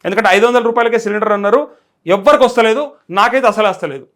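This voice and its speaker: A man's voice: high voice, very fast, a bit bright. A man with a Telangana accent reading and commenting on news as a live host, in a challenging, questioning manner. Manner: challenging, rhetorical questioning of viewers. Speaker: journalist hosting a live call show.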